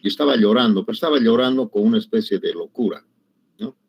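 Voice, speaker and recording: A man's voice: medium pitch, quick pace, gravelly, husky. A middle-aged man, teaching an engineering class and telling personal anecdotes in a conversational way, often adding little tag questions and correcting himself mid-word. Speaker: engineering lecturer. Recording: dull lo-fi recording.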